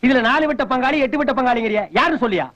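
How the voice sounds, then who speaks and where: Brief: high-pitched, fast-talking mocking uncle who scolds everyone. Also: male voice, fairly bright tone, muffled recording. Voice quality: sarcastic, scolding retorts. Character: sharp-tongued mocking village uncle. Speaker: comic uncle in a film. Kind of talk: film comedy dialogue. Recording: film soundtrack audio.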